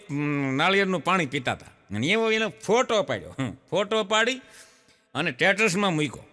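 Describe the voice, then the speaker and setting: A high, bright-voiced man tells jokes in a lively, swooping delivery. He slips into the voices of old women and wives as he goes, and the sound carries a long hall reverb. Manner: animated storyteller voicing old women and wives. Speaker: comedian. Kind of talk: stand-up joke telling.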